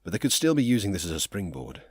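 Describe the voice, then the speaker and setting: A stone-faced starship commander gives short, commanding orders. His pitch moves a lot, and the recording is dry and close. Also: sing-song, fast, breathy edge, dry recording, heavily acted. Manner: curt, commanding.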